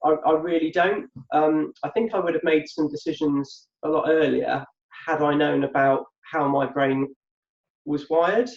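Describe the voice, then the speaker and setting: Speaking unhurriedly in a gravelly voice on the high side with fairly even intonation, an adult man who once had a business co-hosts a podcast. He thinks aloud, repeating words, giving thoughtful and reflective conversational explanations. The audio is muffled with room echo.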